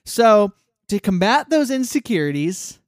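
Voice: mid-range voice, big pitch swings, a little slow, no echo, clean studio sound. A podcast co-host casually recapping a cartoon episode, rambling with lots of "like" and acting out quoted lines. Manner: rambling, many "like" fillers.

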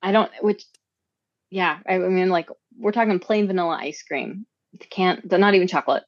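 A woman from Minnesota with a lowish voice, chatting as a podcast guest. She talks in a halting, chatty way and keeps restarting her sentences. The sound is dry and a little dull, with no room around it. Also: no room sound. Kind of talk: casual chat.

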